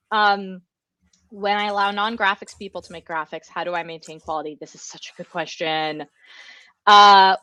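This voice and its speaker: A woman's voice: medium pitch, bright, forceful tone, no room sound, highs cut off. A woman giving a casual, enthusiastic conference talk over a video call, chatting with lots of fillers. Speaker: conference speaker.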